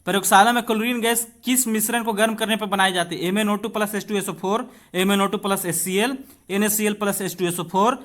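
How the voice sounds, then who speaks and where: In a high-pitched, steady and somewhat bright voice, a man with an Indian accent runs an exam-prep lesson. He reads questions aloud, explains them straight to his students, and slows down whenever he reads English.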